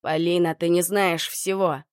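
A woman's voice: on the low side, flat delivery, unhurried, clear, resonant tone, no room sound, clean studio sound, lightly acted. A woman voicing a hot-tempered, domineering young man who speaks in a harsh, commanding way. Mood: insistent.

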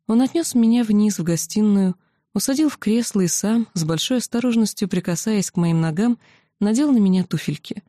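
A woman's voice: medium pitch, animated, fairly quick, dark tone, no room sound, clean studio sound. Woman reading a fantasy novel aloud. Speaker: audiobook narrator. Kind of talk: first-person novel narration.

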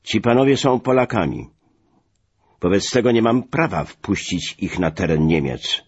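Man playing a haughty german major, dry curt delivery, husky voice, dull recording. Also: on the low side, very animated, normal speed, a little mellow, dry recording, pitched above the performer's own voice. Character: cold, arrogant male German army major. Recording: muffled lo-fi recording.

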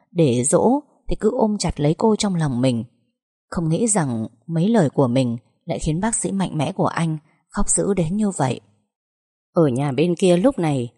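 Low, warm-voiced woman narrator. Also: dry recording, clean studio sound. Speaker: audiobook narrator. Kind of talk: storybook narration.

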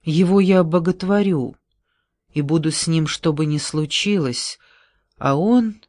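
A man reading an audiobook, voicing a gentle, flustered giant of a man who speaks slowly and hesitantly. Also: fairly high pitch, no room sound, studio quality, close to an everyday voice. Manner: slow, hesitant, breathless delivery.

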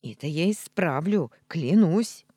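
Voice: mid-range voice, very animated, slow, no echo. A blustering talking tomcat, voiced by an audiobook reader. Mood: furious. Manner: loud blustering threats and complaints. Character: big fluffy tomcat, belligerent and theatrical. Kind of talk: audiobook reading.

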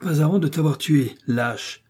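A man's voice: fairly high pitch, measured pace, slightly rough, voice pushed up. D'Artagnan, a man doing a hot-headed young Gascon. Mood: furious, challenging. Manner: shouting, indignant challenges.

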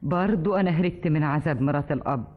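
An actress in an old Egyptian radio drama playing a worn-out, remorseful wife who pleads urgently, with an Egyptian accent. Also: female voice, low voice, racing. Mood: pleading. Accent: Egyptian Arabic. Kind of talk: 1950s radio drama acting. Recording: thin phone-like old radio recording.

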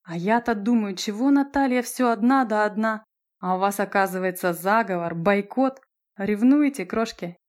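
A woman's voice: fairly high pitch, moderate pace, few pauses, a little mellow, lightly acted. Woman reading a cocky, ironic schoolboy. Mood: teasing. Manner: ironic, teasing.

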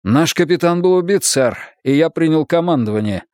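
Narrator doing a stiff military officer reporting in, bit higher, lively pitch, dry sound. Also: male voice, normal speed, no echo, lightly acted. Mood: dutiful.

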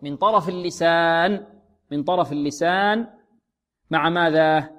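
Man, high-pitched, recitation teacher, asks and answers his own questions, slow careful demonstrations. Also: fairly bright tone. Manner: asks questions then answers them himself, slows to demonstrate sounds. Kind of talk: tajweed lesson with demonstrations.

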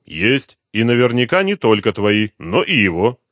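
A man doing a calm, ironic tough guy. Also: on the low side, normal speed, dry recording, studio quality, voice pushed up. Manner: calm, level, dryly ironic. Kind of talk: audiobook character voice.

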